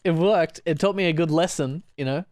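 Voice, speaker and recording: A man's voice: on the high side, fairly quick, darkish tone, no room sound. A young man co-hosting a podcast, telling stories in a rambling way, laughing often and acting out quoted voices. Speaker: podcast co-host. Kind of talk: casual chat.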